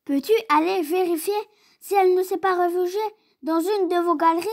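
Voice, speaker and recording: A woman voicing a brave young male bear cub who leads his cousins, slow and earnest. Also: very high voice, steady tone, voice pushed up.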